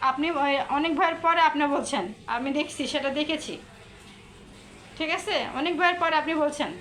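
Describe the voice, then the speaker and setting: A woman's voice: sits high, fairly quick, fairly bright tone, slight background noise. A woman from Bangladesh, hosting a casual live stream, chatty and repetitive as she teases her viewers. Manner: chatty, repeats herself, teasing viewers.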